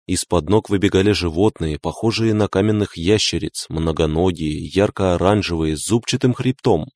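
Low-voiced male audiobook narrator. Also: moderate pace, darkish tone, no echo. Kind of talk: scripted narration.

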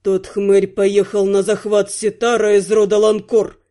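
A woman voicing a stern young male crown prince in a fantasy audiobook, with a lowered, clipped, cold delivery. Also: normal speed, darkish tone, close to an everyday voice.

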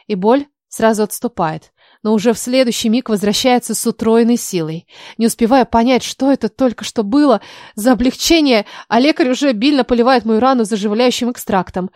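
A woman reads a first-person story with a wry, ironic turn of phrase. Her voice sits somewhat high, and the recording is close and completely dry. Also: brisk, a little mellow, dry recording. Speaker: audiobook narrator. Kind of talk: first-person audiobook narration.

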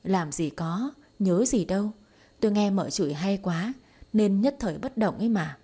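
A gentle young husband who dotes on his wife, read by a woman narrator in an audio story. He speaks softly and soothingly in a warm, slightly husky voice. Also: medium pitch, expressive, moderate pace.

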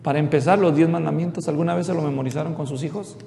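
Middle-aged man, pastor preaching, gravelly voice, echoey hall, faint rumble. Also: quick pace, dark tone. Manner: storytelling, addresses the congregation directly. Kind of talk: expository sermon. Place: church hall.

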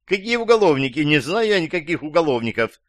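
A male audiobook reader voicing an agitated, suspicious old woman witness who talks in a shrill, accusing way. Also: sing-song, quick pace, fairly bright tone, dry recording, clean studio sound. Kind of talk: audiobook character voice.

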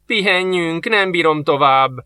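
A man voicing a frightened old male embalmer who pleads in a high, anxious voice. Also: big pitch swings, bright, forceful tone, exaggerated voice. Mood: pleading.

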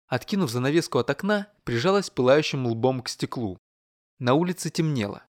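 A man narrating an audiobook in an expressive, dramatic way. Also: mid-range voice, a little fast, dry recording, clean studio sound. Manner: lively, dramatic.

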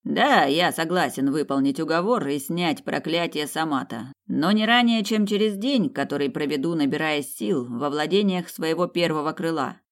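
An audiobook reader voicing an ancient male fire-bird lord, freshly reborn, speaking slowly and ponderously. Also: mid-range voice, natural voice. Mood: imperious. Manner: slow, drawn-out, ponderous.

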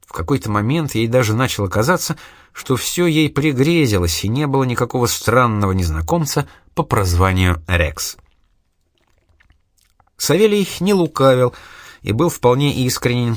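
A man narrating an audiobook in a measured, even storytelling manner. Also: mid-range voice, dry recording, clean studio sound. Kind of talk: scripted narration.

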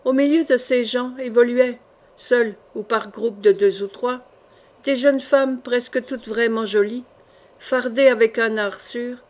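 A woman narrating an adventure novel in a measured, expressive reading. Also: on the high side. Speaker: audiobook narrator. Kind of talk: scripted literary narration.

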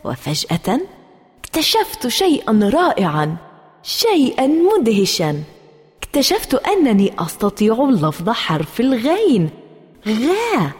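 Woman reading a kids' storybook, bouncy lively voice, bit high, echoey w soft music under. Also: normal speed. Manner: animated, expressive. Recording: roomy reverb with soft music.

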